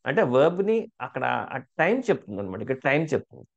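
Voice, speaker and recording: A man teaching a language lesson, asking learners questions and saying phrases slowly for them to repeat. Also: mid-range voice, sing-song, creaky, dull audio. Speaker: spoken Hindi teacher. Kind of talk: language lesson, drilling example sentences.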